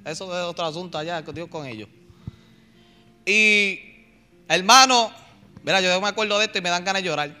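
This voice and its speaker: A man's voice: sits high, moderate pace, pauses often, sharp tone, clean tone, faint music behind. A man preaching a fervent, emotional testimony in a pleading manner. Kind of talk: sermon testimony.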